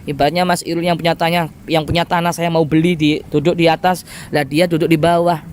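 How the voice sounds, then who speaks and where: Animated male preacher. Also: a little high, a little fast, slight background noise. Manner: animated storyteller who addresses the congregation. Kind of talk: storytelling sermon.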